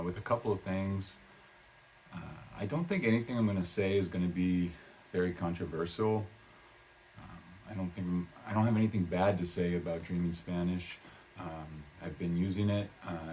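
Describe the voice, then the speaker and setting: A man's voice: low-pitched, a little mellow, slight background noise. A man talking casually in a vlog about learning a language, rambling with lots of "um" and "uh" and restarting his sentences. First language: English. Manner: rambling, many fillers and restarts.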